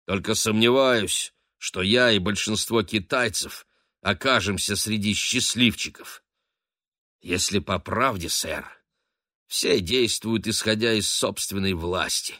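Man playing gruff old captain, booming, bitter, forceful, dry close sound. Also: takes it slowly, dry recording.

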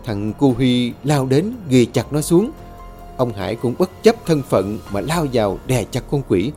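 A man narrating a ghost story in a mellow, warm voice with a lively, swinging pitch. His delivery is dramatic and tense, building and easing with the scenes. Soft music plays faintly behind him. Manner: dramatic, tense storytelling with rising and falling intensity. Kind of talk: scripted horror story narration. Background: faint background music.

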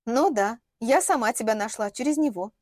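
Woman doing a cocky young heroine, mocking, confrontational, bright high voice, storybook. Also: lively intonation, normal speed, no echo, studio quality.

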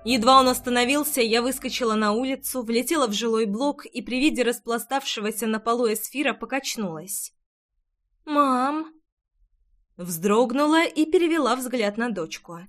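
A woman reads a first-person audiobook in a somewhat high voice. Her delivery is lively and expressive, and she stays close to the story throughout. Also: brisk, few pauses. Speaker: audiobook narrator.

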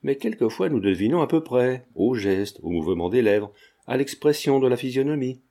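Voicing an affable, crafty retired druggist who only pretends to be deaf, a man speaks at an ordinary pitch with a dark, mellow tone, as if from a storybook. He is expressive and keeps a moderate pace.

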